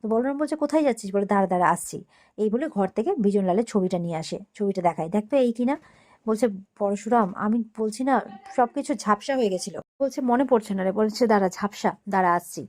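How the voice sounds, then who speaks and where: A woman's voice: mid-range voice, fast, darkish tone. A woman retelling a TV serial episode in a casual way, acting out the dialogue in a raised voice. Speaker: serial recap narrator.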